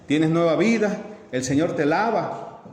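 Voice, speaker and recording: Male pastor, higher voice, conversational sermon, reverberant hall with faint hiss. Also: lively intonation, measured pace, darkish tone. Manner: asks the congregation questions, acts out dialogues. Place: church hall.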